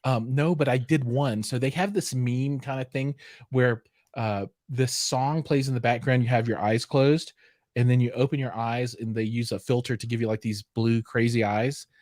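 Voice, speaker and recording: A man's voice: mid-range voice, fairly even intonation, normal speed, a little mellow, dry recording, clean studio sound. Rambling middle-aged man, fillers galore. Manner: rambling, self-deprecating, many fillers and restarts. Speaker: host. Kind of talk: casual live-stream chat.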